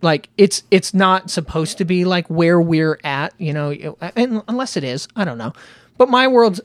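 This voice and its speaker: A man co-hosting a casual podcast chat about running tabletop games, animated and laughing often. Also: high voice, moderate pace, dry recording. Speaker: podcast co-host and game master.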